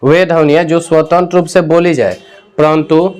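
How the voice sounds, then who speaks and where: A man's voice: on the high side, steady tone, moderate pace, a little mellow, smooth. A man teaching a grammar class. He explains informally and patiently, repeats key definitions and often checks in with his students. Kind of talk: classroom lesson at a board. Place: coaching classroom.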